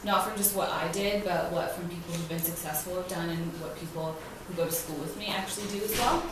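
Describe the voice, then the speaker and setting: A woman's voice: lowish voice, brisk. A young woman mentoring students, talking in a casual, chatty way with lots of fillers. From grew up in several countries, mostly New Zealand. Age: young adult. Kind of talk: informal talk to young students. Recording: echoey room, voice from far off, clear noise.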